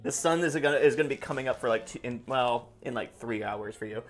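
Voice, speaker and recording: A man's voice: medium pitch, fast talker, soft background music. A man helping as sous chef on a home cooking stream, tossing off wry, laid-back asides in the kitchen. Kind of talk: casual cooking stream banter.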